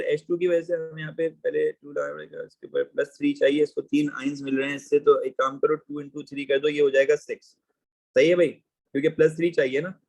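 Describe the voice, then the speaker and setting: A man teaching chemistry in a live online class, reading exam questions slowly and then explaining in quick, chatty Hindi and English, often calling students "bhai". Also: fairly high pitch, a little mellow, poor audio.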